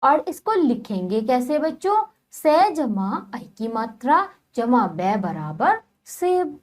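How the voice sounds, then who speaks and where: A woman teacher giving a children's phonics lesson, patient and repeating each step slowly. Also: sits high, sing-song.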